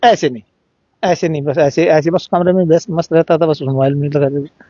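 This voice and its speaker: A middle-aged father telling his story in an interview, halting and repeating words while he acts out what each person said. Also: on the high side, steady tone, dark tone, no echo, lo-fi sound. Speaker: interviewee, father of the deceased boy. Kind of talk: emotional first-hand account in an interview.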